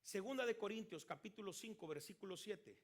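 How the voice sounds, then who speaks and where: A man's voice: sits high, expressive, a little fast. A man with a Mexican Spanish accent, preaching as a pastor and asking his listeners questions as he tells a story. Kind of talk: sermon.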